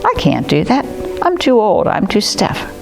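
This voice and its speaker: A woman's voice: medium pitch, wildly swooping pitch, moderate pace, creaky, voice pushed up. A woman voicing a critical inner voice that doubts itself, complaining in a whiny, doubtful way, with music playing behind.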